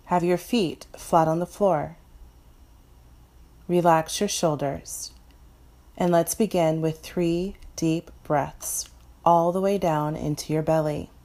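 Speaking from Florida, a woman guides a meditation in a soft, slightly low voice. Her delivery is very slow and calm, and long pauses separate each gentle instruction.

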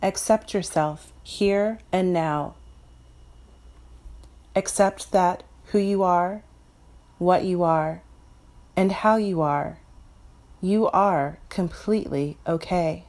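Slow, calm woman guiding meditation. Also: on the low side. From Florida. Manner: slow, soft, calm instructions. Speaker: meditation guide. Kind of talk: guided meditation.

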